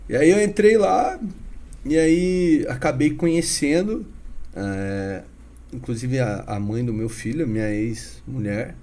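A chatty man in his thirties with a Paraná interior Brazilian Portuguese accent tells stories as a podcast guest in a casual interview. His mid-range voice is dark and mellow, and he speaks slowly yet animatedly and informally, peppering his speech with "cara" and "né."

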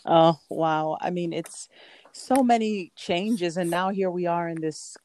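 Taking her time, a woman with a lowish, darkish voice reflects aloud as a guest in a casual interview. She's a poet and performing artist from Queens, New York, who wanders a little in her answers and laughs a lot.

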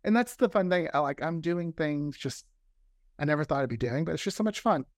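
This slightly high, expressive male voice comes through dry and studio-clean at a fairly quick pace. He's a podcast creator guesting on someone else's show, chatting enthusiastically and often voicing imagined conversations.

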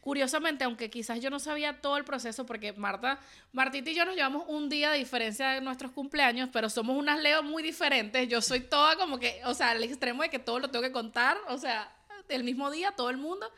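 A woman hosts a podcast in casual conversation, chatty and supportive as she reflects on what her guest says. Her voice is bright and a bit high. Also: quick pace. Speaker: podcast host. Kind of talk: casual interview chat.

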